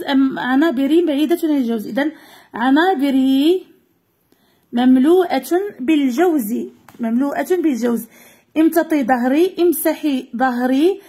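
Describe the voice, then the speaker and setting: A woman teacher with a Moroccan accent reading a story and going through exercises, repeating answers clearly for pupils. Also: high voice, dark tone. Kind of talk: Arabic lesson and story reading.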